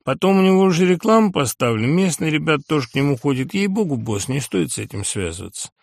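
A servile, fawning underling, voiced by a male audiobook narrator, who pleads and makes quick excuses in a raised, eager voice. The recording is dry and close, with no room sound at all. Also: fairly high pitch, big pitch swings, creaky, dry recording, pitched above the performer's own voice, full character voice. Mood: confiding.

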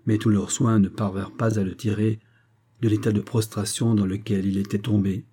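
A man reading a French novel aloud as an audiobook, in measured, dramatic narration. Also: on the low side, flat delivery, mellow, husky. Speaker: audiobook reader.

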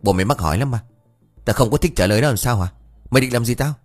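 A man's voice: mid-range voice, lively intonation, very fast, voice pushed up, close to an everyday voice. A man voicing a grumpy, spiteful old village man who snaps rudely. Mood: snapping. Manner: snappish and rude.

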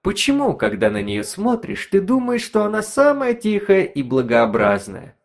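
A man's voice: high voice, huge pitch swings, normal speed, creaky, pitched above the performer's own voice, exaggerated voice. A man voicing a sly, insinuating talking device that whispers neighbourhood gossip in a story reading. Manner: insinuating, snickering.

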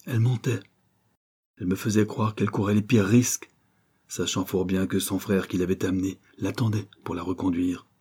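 A man's voice: deep voice, fairly even intonation, moderate pace, darkish tone, slightly rough. A man reading an audiobook, voicing a disillusioned young former sailor in a weary, earnest way. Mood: bitter.

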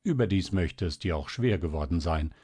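A man voicing a calm, firm doctor in a storybook, reassuring but dismissive. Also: sits low, normal speed. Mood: gentle. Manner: calm, reassuring yet stern.

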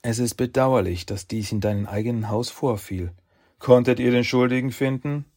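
Man playing shadowy clan elder, cold, commanding, menacing, husky edge, audiobook drama. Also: mid-range voice, normal speed, darkish tone, dry recording, clean studio sound, pitched above the performer's own voice, lightly acted. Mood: cold, formal.

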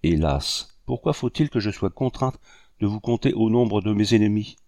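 A gentle, pleading young lady of colonial society, as a man reads her in a storybook. She speaks courteously and earnestly, her lines lifted above a low, dry reading voice. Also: lively intonation, moderate pace, dry recording.

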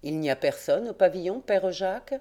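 Composed gentleman, measured and explanatory, read by a woman, audiobook. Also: on the low side, animated, lightly acted. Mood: explaining. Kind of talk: audiobook character reading.

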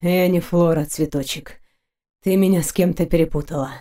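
A woman voicing a brooding young male dark knight in an audiobook, hoarse and growling, speaking low and breathy. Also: fairly even intonation, normal speed, lightly acted. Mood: teasing, hoarse. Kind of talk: audiobook character voice.

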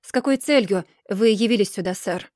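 A woman voicing a proud, quick-tempered older gentleman who blusters loudly and hems and haws when embarrassed. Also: medium pitch, no room sound, studio quality, close to an everyday voice. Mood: furious. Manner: blustering, then faltering with hems.

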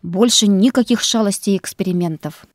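A woman's voice: medium pitch, brisk, dry recording, clean studio sound, natural voice. A woman doing a cheeky young student. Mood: cheerful. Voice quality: wheedling, whiny when pleading. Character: cheeky young male student, pleading charmer. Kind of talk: audiobook character voice.

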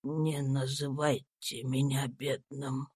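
A woman's voice: very deep voice, little pitch movement, darkish tone, slightly rough, no echo, studio quality, voice pushed down, heavily acted. A woman voicing a dying, devout old male slave who speaks weakly and solemnly in an audiobook reading. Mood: faint, solemn. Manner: weak, faint, slow and solemn. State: whispery and breathless.

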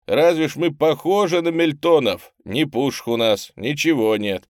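A man voicing a boatswain who snaps back gruffly but in a friendly way, in an audiobook. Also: fairly high pitch, normal speed, dry recording, clean studio sound, voice pushed up, lightly acted. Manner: friendly snapping.

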